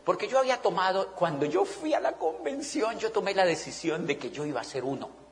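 A middle-aged man with a Colombian accent giving an animated motivational talk to a live audience, often checking that they follow him. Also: high voice, brisk, a little hiss or hum. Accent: Colombian Spanish. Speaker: motivational business speaker. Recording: long reverb of a large hall.

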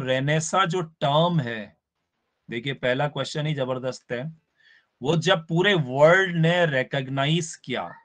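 A man's voice: fairly high pitch, a bit bright. A man teaching a live online class, explaining step by step and often checking in with his students. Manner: spells out words slowly for emphasis.

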